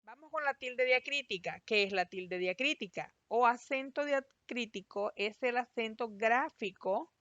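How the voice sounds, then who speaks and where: A woman teacher giving a recorded class, explaining patiently and spelling out syllables slowly. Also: on the high side, fairly bright tone, no echo. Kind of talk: recorded online class lesson. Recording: dry, slightly dull lo-fi voice-over.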